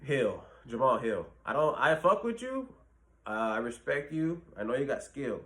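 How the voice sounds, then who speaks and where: A man's voice: medium pitch, sing-song, moderate pace, a bit bright. Man, casual solo commentary, blunt, profane, rambling, lots of um. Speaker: fight predictions host.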